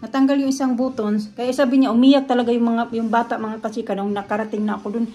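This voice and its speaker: A woman's voice: a little high, steady tone, fast, warm tone, soft background music. A woman from the Philippines, a family vlogger, telling a story in casual chat and often talking straight to her viewers. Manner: chatty storytelling, often addresses viewers directly.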